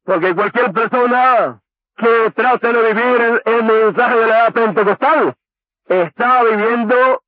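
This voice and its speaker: High-voiced preacher on tinny, dry old tape. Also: male voice, dry recording. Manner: rhetorical questions, slow emphatic preaching. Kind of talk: sermon. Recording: tinny phone-like old recording.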